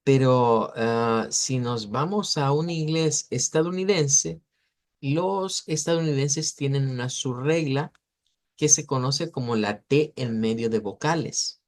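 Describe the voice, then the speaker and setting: A man teaching an English phonetics class in an explanatory way. He often checks in with his students and slows down to model sounds. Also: medium pitch. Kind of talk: online class lecture.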